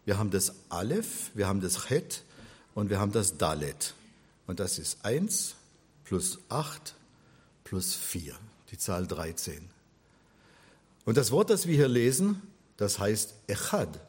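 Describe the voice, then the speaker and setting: Slow, husky man teaching. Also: fairly low pitch, very animated, a little mellow. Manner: patient, spells things out step by step. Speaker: religion teacher. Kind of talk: explanatory lecture.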